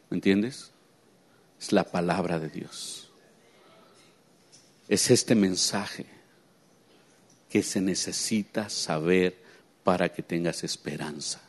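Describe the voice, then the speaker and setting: A man preaching a sermon, swinging between quiet low asides and high excited emphasis and often asking his listeners questions. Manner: asks the congregation rhetorical questions.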